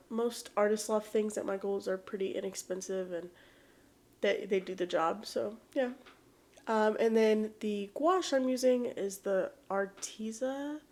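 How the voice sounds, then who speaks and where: A young woman hosts an art vlog, chatting casually as she paints. Her mid-range, darkish voice sounds a little congested from allergies, and she rambles while making self-deprecating remarks.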